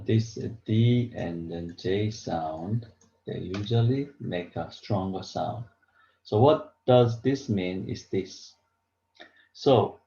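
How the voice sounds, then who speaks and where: Male language teacher. Unhurried, mellow delivery, halting simple explanations, echoey muffled room sound. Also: lowish voice. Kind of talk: beginner pronunciation lesson. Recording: roomy echo, dull lo-fi sound.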